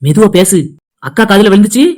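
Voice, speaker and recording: A woman voicing a grumbling, sharp-tongued sister-in-law in a cartoon, with a Tirunelveli Tamil accent. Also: medium pitch, a little fast, voice pushed down, natural voice. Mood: hushed warning.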